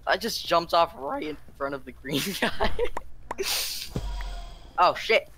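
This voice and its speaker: A young man in a casual gaming chat, excited and bossy, giving orders and swearing often. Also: fairly high pitch, takes it slowly, background noise. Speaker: gamer.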